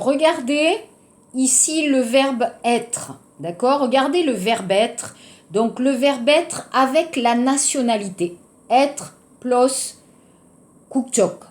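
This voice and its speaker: A woman teaching a French lesson to Korean learners, explaining slowly and adding Korean translations. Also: high voice. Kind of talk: classroom lesson.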